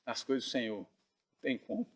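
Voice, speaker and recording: A man earnestly retelling a dream in casual storytelling, often dropping his voice to a hush. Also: mid-range voice, fast talker. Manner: earnest, drops to hushed tones when reliving tense moments. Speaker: dream narrator.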